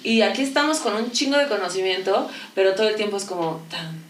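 A woman's voice: medium pitch, fast, far from the mic, slight background noise. A woman in her thirties with a Mexican accent, telling personal stories in a candid, slangy casual conversation with plenty of swearing. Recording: echoey room, voice a bit off-mic.

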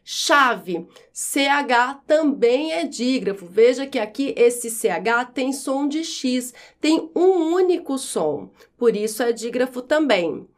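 A woman teacher explaining a grammar lesson, saying each example word slowly and clearly. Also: sits high, lively intonation. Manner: slow, clear enunciation of example words.

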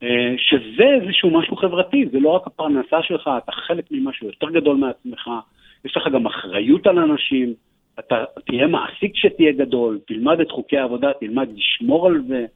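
A man speaking as a radio interview guest, earnest and urgent, often pausing with hesitations. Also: fairly high pitch, sing-song, vocal fry, husky. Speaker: interview guest, economic educator. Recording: tinny phone line.

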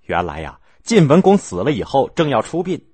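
A man telling a history story in a lively, expressive way, acting out the scenes. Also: mid-range voice, brisk, husky, no room sound.

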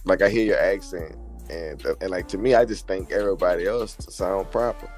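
A man's voice: low-pitched, brisk, darkish tone, faint music behind. A man with a New Orleans accent, chatting as a guest in a laid-back, easygoing way and often repeating himself. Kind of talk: casual chat.

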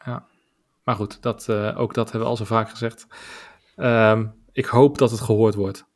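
A man with a Dutch accent co-hosting a podcast, talking in a measured, opinionated way with many filler pauses. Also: on the low side, fairly even intonation, darkish tone. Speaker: podcast co-host. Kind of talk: casual podcast discussion.

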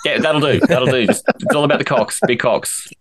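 A man's voice: mid-range voice, a little fast, a bit bright. An Australian man hosting a casual sports podcast, with a blokey, matey, crude tradesman's way of talking. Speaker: podcast host.

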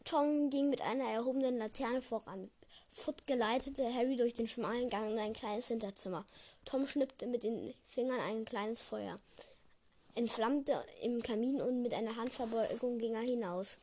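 A woman's voice: a little high, normal speed, mellow. A woman casually reading a book aloud, often tripping over words and correcting herself. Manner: stumbling, self-correcting.

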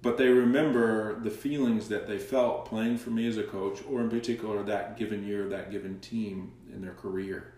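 A man, a coach being interviewed, telling stories in an animated way. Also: on the low side, normal speed, hardly any pauses. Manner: animated storyteller, acts out quoted dialogue. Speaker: guest, soccer coach. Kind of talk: casual interview storytelling. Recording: very echoey room, far from the mic.

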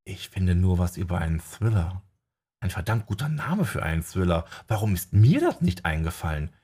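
A man voicing a weary, guarded male magician in an audiobook, subdued and low-key. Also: big pitch swings, normal speed, dark tone, slightly rough, exaggerated voice.

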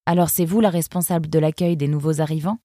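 A woman's voice: deep voice, steady tone, fast talker, warm tone, dry recording, clean studio sound. A woman voicing an earnest, irritable young male fox who asks edgy questions in a storybook. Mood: curious.

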